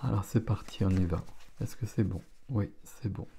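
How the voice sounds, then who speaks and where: A middle-aged man doing a casual tarot reading, relaxed and chatty, exclaiming over the cards. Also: lowish voice, normal speed, a little hiss or hum. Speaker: tarot reader.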